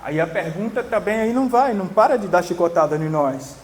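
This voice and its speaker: A pastor in his thirties, preaching earnestly and emphatically, dropping to soft tender tones at times. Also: high-pitched, expressive, brisk, a little hiss or hum. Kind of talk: sermon.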